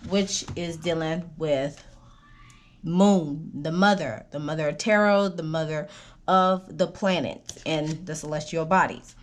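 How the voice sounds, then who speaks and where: A tarot reader with a voice on the low side gives a casual spoken reading, meandering through fillers and restarts. In a coaching manner she keeps asking "okay?", and she coughs now and then while recovering from an illness.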